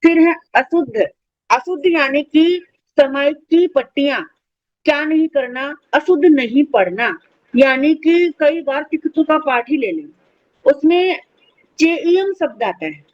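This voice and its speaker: A woman with a high, light voice teaches children in an online class. She explains each point patiently and poses questions she then answers herself. The sound is dull and lo-fi.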